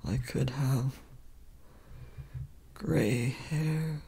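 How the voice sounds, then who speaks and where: A young man speaking in a sleepy ASMR voice, in a breathy whisper, halting and repeating words. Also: mid-range voice, fairly even intonation, warm tone, poor audio. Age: young adult.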